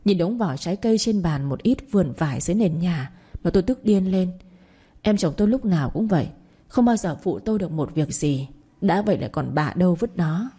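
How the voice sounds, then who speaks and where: Soft-spoken woman narrating a story. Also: on the low side, animated, fairly quick, slightly rough. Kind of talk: first-person story narration.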